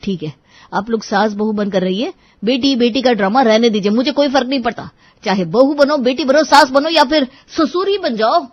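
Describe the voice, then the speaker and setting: A woman's voice: a little high, normal speed, no room sound, lo-fi sound, voice pushed up, lightly acted. A woman doing a fed-up young husband. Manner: irritated, emphatic.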